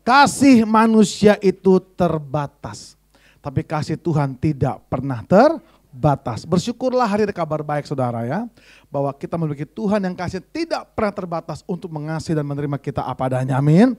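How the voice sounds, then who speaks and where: A man's voice: on the high side, big pitch swings, normal speed, a little mellow. A man preaching a sermon full of humorous stories, in a chatty, teasing way that keeps asking the congregation questions.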